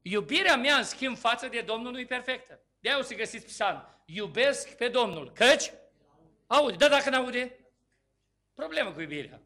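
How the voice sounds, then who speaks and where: High bright-voiced guy preaching, keeps firing questions at the church and building up loud. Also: animated. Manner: preaching with rising, emphatic bursts and rhetorical questions. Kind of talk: sermon.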